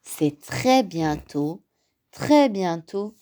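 A woman voicing a big, patient father bear in a storybook reading, who grumbles and sighs but stays gentle. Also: sits high, very animated, slow, voice pushed up, heavily acted. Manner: sighing, grumbling, then gentle.

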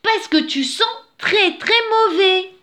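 A woman voicing a pretty, clean female bear who insists and scolds in a raised, high voice for a read-aloud storybook. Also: sing-song, unhurried, fairly bright tone, full character voice. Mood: insistent.

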